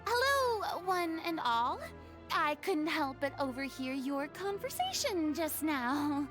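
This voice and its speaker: A woman's voice: sits high, sing-song, slow, fairly bright tone, soft background music, heavily acted. A woman voicing Furina, a proud but flustered young woman, in a video game, theatrical and stammering. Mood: sheepish.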